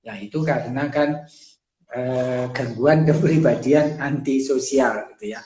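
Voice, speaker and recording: Guy chatting thru a psych topic, kinda high voice, lots of fillers, roomy echo. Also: a little mellow. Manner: conversational, many fillers, acts out quoted lines. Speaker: psychology speaker. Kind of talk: casual explanatory talk on a live stream.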